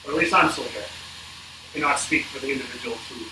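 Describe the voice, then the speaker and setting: A man coaching an indoor cycling workout on a livestream, speaking casually and haltingly with a dry, informal manner. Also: medium pitch. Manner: halting, informal, dryly joking. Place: indoors in an apartment. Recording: echoey, distant mic, noisy room.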